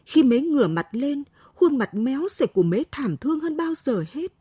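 Woman reading a story slowly, pitch moving a lot, dry close sound. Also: big pitch swings, mellow, no echo. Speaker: narrator. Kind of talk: scripted story narration.

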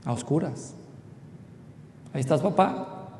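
A man's voice: measured pace, darkish tone. A middle-aged man preaching an expository sermon, telling family stories and speaking straight to the congregation. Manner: storytelling, addresses the congregation directly. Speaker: pastor. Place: church hall. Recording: echoey hall with faint rumble.

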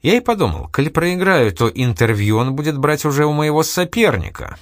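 A male narrator voicing a calm, wry young fighter speaking quietly. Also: fairly high pitch, fairly quick, dry recording, studio quality, voice pushed up. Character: calm sly young man, fighter before a final.

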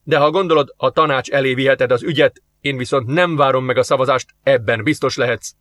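A man's voice: mid-range voice, steady tone, fairly bright tone, no echo, close to an everyday voice. A man voicing a stern, hostile male alien warlord in an audiobook, talking in curt commands. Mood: coldly threatening.

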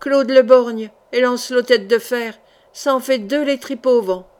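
A woman reading aloud, voicing a rough male captain of the guards who swears loudly. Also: fairly high pitch, unhurried, lightly acted. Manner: coarse, shouting oaths.

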